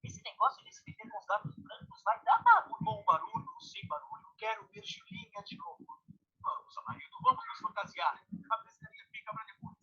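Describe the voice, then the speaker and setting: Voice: extremely high pitch, big pitch swings, a little fast, creaky, bright, forceful tone, heavily acted. A recorded radio-play clip of actors voicing two young male cats planning to sneak into a costume ball. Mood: playful. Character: Romão and friend Amarildo, young male cats plotting mischief. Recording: lo-fi audio clip.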